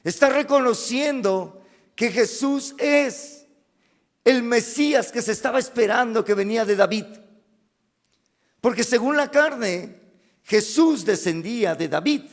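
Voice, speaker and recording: Mexican pastor preaching slow, high voice, big echoey church hall, gets loud then goes real quiet. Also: male voice. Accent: Mexican Spanish. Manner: dramatic preaching, rising to loud cries and dropping to hushed asides. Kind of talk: sermon. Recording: long reverb of a church hall.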